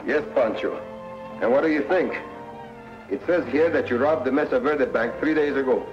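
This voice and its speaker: An actor playing a charming, gallant male hero who talks in smooth, flowery compliments. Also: mid-range voice, moderate pace, natural voice. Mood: calm. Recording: dull old TV soundtrack with music.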